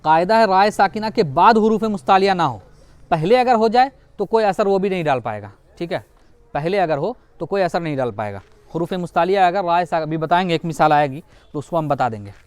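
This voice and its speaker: A man teaching Quran reading, who explains rules and spells out syllables slowly, repeating and correcting them. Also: high voice, expressive, smooth, no echo. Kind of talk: recitation lesson.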